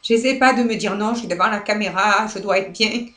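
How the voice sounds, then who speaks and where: A French woman therapist guiding viewers through releasing anger, speaking softly and hesitantly, often asking "d'accord?" and near tears. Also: medium pitch, a little fast. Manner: soft, repetitive, often checks with "d'accord?"; hesitant, many fillers and restarts. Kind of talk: live guided demonstration. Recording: echoey room.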